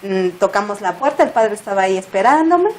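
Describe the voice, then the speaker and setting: A woman with a Mexican Spanish accent, a guest telling a story in casual chat, animated and laughing as she acts out what people said. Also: mid-range voice, fairly quick, a little hiss or hum.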